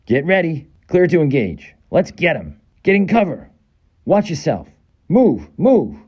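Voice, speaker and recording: A man's voice: a little high, wildly swooping pitch, unhurried, darkish tone, slightly rough, lo-fi sound, full character voice. A man with a Boston accent voicing a tough American soldier in a video game, giving clipped military radio callouts. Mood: urgent, commanding. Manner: clipped, urgent military delivery.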